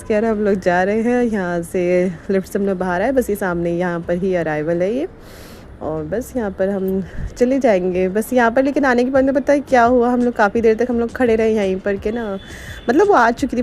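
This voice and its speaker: A woman's voice: mid-range voice, warm tone, slight background noise. A woman, narrating a family vlog in a chatty, rambling way and laughing often. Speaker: vlogger.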